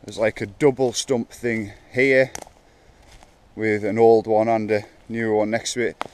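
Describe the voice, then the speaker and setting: A man's voice: fairly low pitch, level tone, measured pace, a little mellow, clean tone. A man vlogging as he works on a bike park trail in the woods, chatting casually with lots of hesitations and filming himself on a handheld camera. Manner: chatty, hesitant, self-talk while working. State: out of breath. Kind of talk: casual vlog narration. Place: outdoors in woods.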